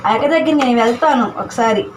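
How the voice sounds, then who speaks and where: A woman's voice: on the high side, quick pace, noisy background, close to an everyday voice. An actress playing a struggling mother who speaks with pleading emotion. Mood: worried. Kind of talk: amateur film drama. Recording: echoey room, distant mic, music.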